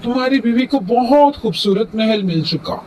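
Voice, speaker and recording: A woman voicing a magic talking fish, an enchanted male prince who calmly grants wishes in a storybook tale. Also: a little high, slight background noise, lightly acted, low-quality recording. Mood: solemn.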